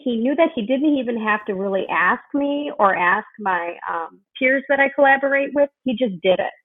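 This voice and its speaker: A middle-aged woman speaks with an eager, earnest warmth about her teaching, breaking in with the occasional "um." Her voice sits a little high. It comes through a thin, tinny, phone-like line. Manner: earnest, enthusiastic, with frequent "um" fillers. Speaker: kindergarten teacher, interview guest. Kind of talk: conversational interview answers.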